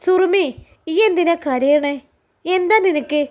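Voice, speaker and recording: A woman reading a storybook, voicing an affectionate young husband who asks softly and gently. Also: very high voice, slow, voice pushed up. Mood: coaxing.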